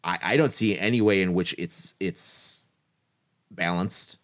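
A man's voice: sits low, a little slow. A man co-hosting a casual gaming podcast, talking things through with hedges and frequent laughs. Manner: thoughtful, hedging, laughs often.

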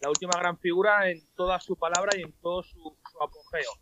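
A man's voice: high-pitched, fairly even intonation, muffled recording, noisy background. Man faintly heard, too far from the mic. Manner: measured, halting, with repeated restarts. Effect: faint and distant, speaking too far from the mic. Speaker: bullfighting commentator. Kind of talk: radio panel discussion.

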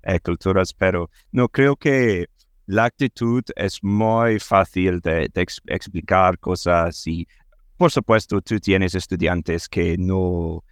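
Scottish guy, native english speaker doing spanish, deep voice, lots of hesitating and repeating words, dry recording. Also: clean tone, no echo. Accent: Scottish accent in Spanish. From Scotland. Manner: halting, searching for words and repeating them. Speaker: interview guest, language learner and former English teacher. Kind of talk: conversational interview in non-native Spanish.

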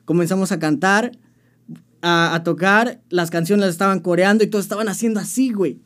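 A high, slightly bright voice at a fairly quick pace comes from a young Mexican-accented musician. He tells his story casually during an interview, full of slang and repeated restarts.

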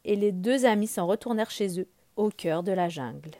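A woman's voice: medium pitch, normal speed, dry recording. Woman reading a children's story. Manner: lively, expressive read-aloud.

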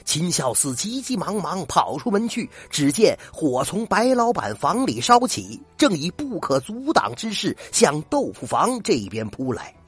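An older man telling a folk tale with animated, dramatic narration. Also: on the high side, measured pace, hardly any pauses, breathy edge, no echo, faint music behind. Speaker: storyteller.

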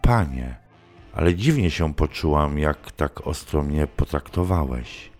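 A nervous middle-aged schoolteacher speaks in hushed, trembling, halting replies, as a male narrator puts her on. The voice is very deep and slow, with faint music underneath. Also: animated. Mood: hushed submissive. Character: woman teacher around fifty, frightened then submissive.

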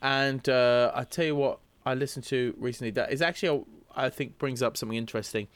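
A man's voice: mid-range voice, steady tone, a little fast, clear, resonant tone, no room sound. A man co-hosting a podcast, chatting casually with wry, rambling musings full of hesitations. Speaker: podcast co-host. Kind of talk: casual chat.

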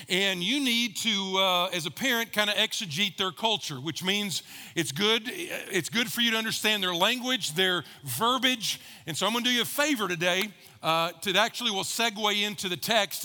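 A man's voice: high voice, pushed and bright. A middle-aged male pastor preaching a sermon in a church, playful and joking with his congregation. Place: church sanctuary. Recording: long hall reverb.

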